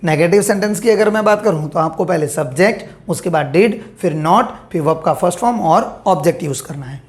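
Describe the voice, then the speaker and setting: A woman with a fairly low voice teaching a grammar lesson. She dictates example sentences slowly and deliberately. She keeps putting questions to the class and answering them herself. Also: a little mellow.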